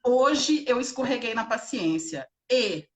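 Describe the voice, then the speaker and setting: A woman guest telling a personal story candidly, laughing at herself and slowing down at times. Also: a little high, animated. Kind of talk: casual storytelling.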